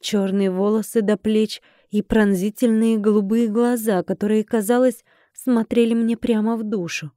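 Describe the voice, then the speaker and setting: A woman's voice: medium pitch, fairly even intonation, normal speed, warm tone, no room sound, studio quality. A young woman reading a first-person audiobook with a wry, conversational inner-monologue manner. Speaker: audiobook narrator.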